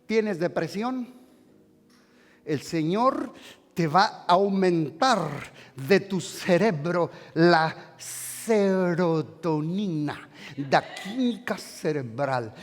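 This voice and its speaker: A male pastor preaching a fervent sermon in a church, swinging between shouts and hushed storytelling. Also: fairly high pitch, expressive, slow, long reverb tail.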